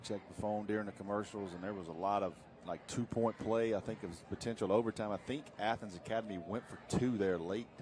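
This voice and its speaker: A man giving color commentary on a live high school football game, chatty and folksy, with homespun sayings. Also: quick pace, few pauses. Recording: outdoor game noise in the background.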